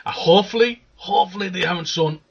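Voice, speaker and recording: A man co-hosting a casual movie news chat, animated and swearing freely. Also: high-pitched, fast, husky, muffled recording. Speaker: podcast co-host.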